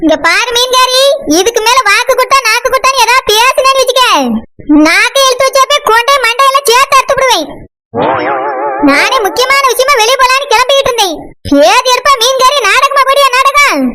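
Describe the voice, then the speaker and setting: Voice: very high-pitched, a little fast, very noisy. A performer voicing a domineering, scornful cartoon woman who threatens and mocks everyone in the house. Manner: scornful and mocking, full of threats.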